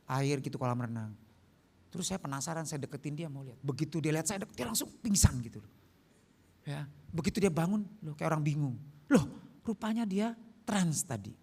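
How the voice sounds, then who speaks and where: A male pastor telling stories and answering questions. His voice leaps up and down, very animated, and he acts out voices and slips in jokes. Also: high voice. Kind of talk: sermon Q&A with personal stories.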